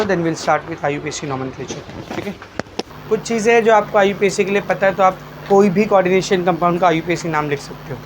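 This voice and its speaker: A man's voice: sits high, a little hiss or hum. A male chemistry teacher, lecturing a class, asking questions and answering them himself, calling students "beta". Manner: quizzes students, answers his own questions; calls students beta, coaxing.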